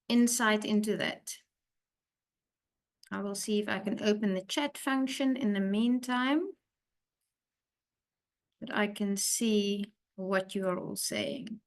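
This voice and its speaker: A woman's voice: medium pitch, fairly even intonation, slow pace, pauses often, clean tone. A woman from South Africa hosting an online webinar, chatting with her guest and reading out messages from the chat. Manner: friendly, reads out chat messages. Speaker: webinar host, company CEO.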